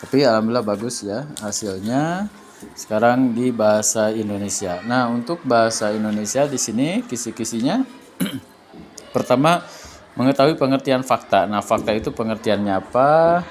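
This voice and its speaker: A male teacher going over an exam study guide in a loose, chatty way, with lots of fillers and restarts. His voice sits at an ordinary middle pitch. A faint hum of noise runs under the recording. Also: moderate pace. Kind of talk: casual exam review lesson.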